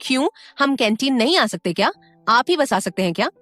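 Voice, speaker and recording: A woman's voice: a little high, lively intonation, a little fast, fairly bright tone, no room sound, pitched above the performer's own voice. Woman voicing a curt, proud young woman. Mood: defensive. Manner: curt, defensive. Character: young woman, proud, jealous medical student.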